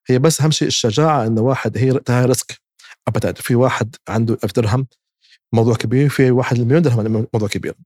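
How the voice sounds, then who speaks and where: A man speaks at a breakneck pace, giving emphatic advice as an interview guest. His voice has a husky edge, and the recording is dry and close. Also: medium pitch, very fast, a little mellow, dry recording. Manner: emphatic, acts out other people's words. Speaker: guest investor.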